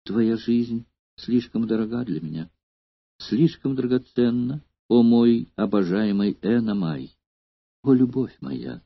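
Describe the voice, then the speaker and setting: A man's voice: mid-range voice, sing-song, moderate pace, gravelly, husky, no echo, heavily acted. A man voicing a young female courtesan who pleads and feigns tenderness, in an audiobook reading. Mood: tender. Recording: dull lo-fi dry recording.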